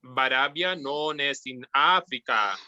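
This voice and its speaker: Very slow, bright-voiced male student. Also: medium pitch, no echo. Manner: slow, careful reading. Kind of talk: reading a practice dialogue. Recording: dry, dull lo-fi mic.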